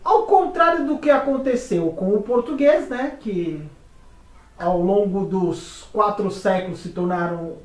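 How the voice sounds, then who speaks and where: A woman co-hosts a casual explainer chat, talking loosely and chattily with frequent fillers like "tá" and "né". Her mid-range voice is a little slow and a little mellow, recorded away from a distant mic in an echoey room.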